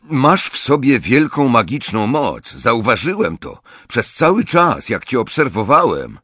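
A man reads aloud in a full character voice, playing an intense, awkward young boy who speaks earnestly, pitched above his own natural voice. His medium pitch swings widely, with a measured pace and a fairly bright, breathy tone. The studio recording is clean with no echo.

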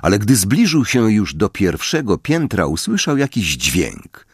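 A male narrator reads a fantasy audiobook slowly, with a wide, highly expressive pitch swing. The voice sounds close and dry, with no room around it. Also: breathy edge, no room sound. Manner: dramatic, expressive storytelling. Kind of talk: dramatic audiobook reading.

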